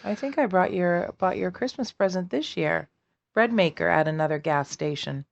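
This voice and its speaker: A woman's voice: on the low side, moderate pace, gravelly, highs cut off. A woman co-hosting a casual podcast, teasing her partner in a dry way. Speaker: podcast co-host. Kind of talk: casual chat.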